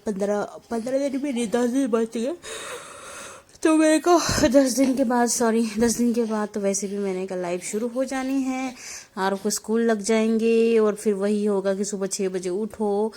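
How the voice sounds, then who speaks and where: A woman's voice: medium pitch, mellow. A young woman, a mother, chatting casually to viewers in a home vlog, talkative and often laughing. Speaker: mother vlogging her family channel.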